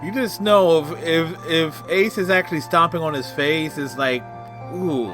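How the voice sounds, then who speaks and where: A man's voice: on the high side, normal speed, music in the background. A man giving joking, sarcastic commentary over a video game. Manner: wisecracking, sarcastic. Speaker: let's play commentator.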